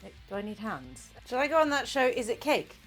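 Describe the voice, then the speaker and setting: A tipsy, giggly woman hosts a comedic baking vlog, rambling casually in a fairly bright, high-leaning voice with big pitch swings and a fairly quick pace. She's sweary, self-mocking and playfully crude, with faint music behind her.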